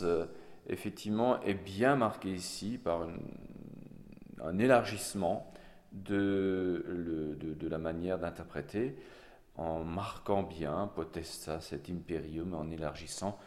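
A man teaching Gregorian chant, explaining each phrase slowly with soft fillers and singing the examples himself. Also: sits low, long reverb tail. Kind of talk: chant lesson with sung examples.

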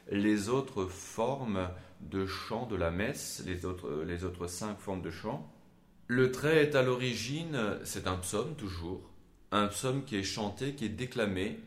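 A man teaching Gregorian chant in a measured, explanatory way, often pausing to hesitate, with short sung examples. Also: fairly low pitch. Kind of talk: spoken lesson with sung examples. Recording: echoey room.

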